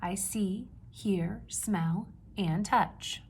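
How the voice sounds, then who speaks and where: This woman's voice is medium in pitch with a darkish tone, and there's slight noise in the background. She reads a picture book aloud to little children like a teacher, emphasizing key words, asking simple questions and pausing before she confirms the answers.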